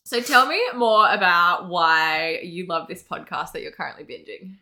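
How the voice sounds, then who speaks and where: A woman's voice: fairly low pitch, normal speed, pushed and bright. A young woman co-hosting a casual chat podcast, teasing and giggly. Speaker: podcast co-host.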